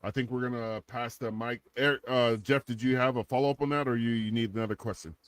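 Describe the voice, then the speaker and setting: Here a forties-aged podcast co-host talks fast in a steady, mid-range voice with no echo. His casual chat drifts into a joking, rambling donation plug that he keeps restarting, much like a sponsor read.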